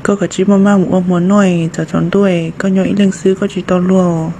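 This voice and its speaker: Recorded on a phone with background noise, a woman voice actor plays a chatty village woman in a homemade cartoon. Her natural, lowish voice comes out flat at a normal pace, plain and conversational as she chats.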